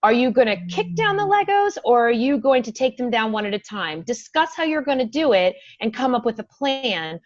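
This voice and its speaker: A woman's voice: a little high, moderate pace, few pauses, dry recording, dull audio. A woman, a special education teacher, chatting as a podcast guest and acting out the things she says to children in class. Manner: animated, acts out classroom phrases. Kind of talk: casual interview chat.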